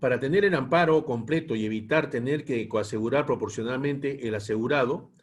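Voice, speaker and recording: A man teaching a class, reading long technical passages aloud at a measured, steady pace and then explaining them. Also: mid-range voice, breathy edge. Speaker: instructor. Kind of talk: lecture reading aloud from text. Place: online class.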